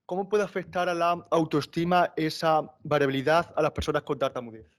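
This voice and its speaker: A man's voice: fairly high pitch, fairly even intonation, brisk. A man with a Spanish accent moderating a panel, reading out brief, direct questions.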